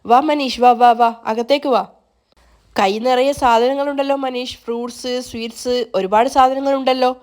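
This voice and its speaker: A greedy, fawning middle-aged uncle in a retold serial drama, as a woman narrator puts him on. The voice stays fairly high and close to her own, with an eager, wheedling push. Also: fairly even intonation, moderate pace, hardly any pauses, a little mellow, lightly acted.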